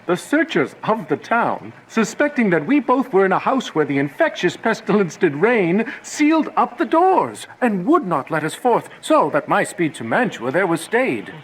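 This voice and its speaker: An actor playing an anxious, apologetic friar, earnestly explaining himself in a Shakespearean radio drama. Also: male voice, high-pitched, sing-song, moderate pace, few pauses, rough recording. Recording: faint background noise.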